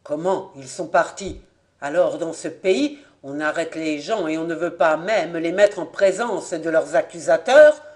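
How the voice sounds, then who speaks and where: A proud middle-aged French aviator protests his arrest, voiced by an audiobook reader. His voice sits a little lower and louder than the narration, firm and declaiming. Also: animated, a little slow. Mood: indignant. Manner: forceful, declaiming.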